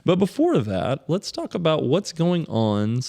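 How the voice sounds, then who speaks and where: A man hosting a casual podcast, chatty and animated, laughing often as he talks. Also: a little high, measured pace, creaky. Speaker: podcast host.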